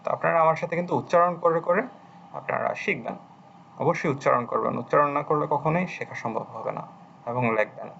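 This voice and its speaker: A man's voice: a little high, a little fast, creaky, fairly bright tone, muffled recording, a little hiss or hum. A man teaching a language lesson on a screen recording, patiently repeating phrases as he writes out each stroke. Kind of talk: screen-recorded lesson, writing while explaining.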